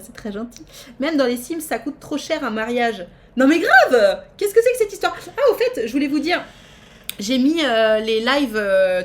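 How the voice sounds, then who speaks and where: A woman streams a life-simulation game and keeps up a running, playful commentary. Her voice sits a little high and jumps into excited squeals, then drops into low muttered asides. A faint hiss of noise runs under the recording. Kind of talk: casual live game commentary.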